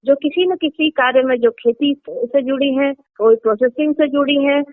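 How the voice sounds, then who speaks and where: A woman's voice: sits high, moderate pace, no room sound. A woman answering radio interview questions about her farming work, earnest and explanatory with some hesitations. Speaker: interviewee, moringa farming entrepreneur. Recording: dry tinny phone line.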